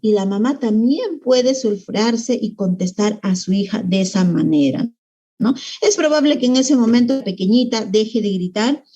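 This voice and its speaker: High husky-voiced woman teaching parents. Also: lively intonation, normal speed, mellow, lo-fi sound. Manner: explanatory, frequent tag questions. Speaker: parenting workshop speaker. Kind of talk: parenting talk.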